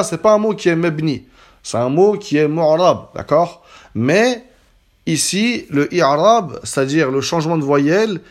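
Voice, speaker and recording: Patient, fairly high-voiced male teacher. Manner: patient, checks understanding with frequent "d'accord?"; slows down to spell out Arabic example words. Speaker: Arabic grammar teacher. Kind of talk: explanatory lesson.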